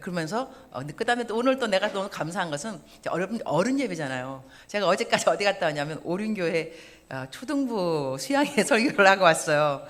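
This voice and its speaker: 생기 넘치는 50대 여성 선교사의 설교. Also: female voice, mid-range voice, a little fast, hardly any pauses. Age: 50s. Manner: lively, joking and self-mocking. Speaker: missionary preacher. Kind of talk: sermon. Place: church service.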